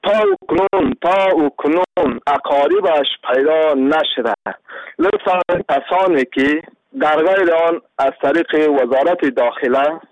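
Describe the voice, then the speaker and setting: A man from Afghanistan reading a formal announcement over a radio phone line, haltingly and repeating his phrases. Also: fairly high pitch, expressive, dry recording. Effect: heard over a radio phone-in line. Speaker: caller to a radio missing-persons program. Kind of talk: reading out a missing-person announcement.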